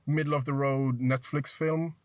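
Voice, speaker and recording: A man chatting casually as a film critic on a podcast, relaxed and hedging, steering the discussion. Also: medium pitch, normal speed, no echo. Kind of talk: casual film review chat. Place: inside a parked car.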